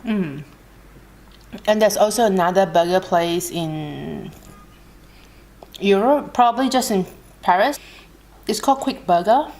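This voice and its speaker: An Australian woman chatting casually while she eats, relaxed and unhurried, pausing between bites with soft hums. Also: medium pitch. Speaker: mukbang vlogger. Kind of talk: casual chat while eating.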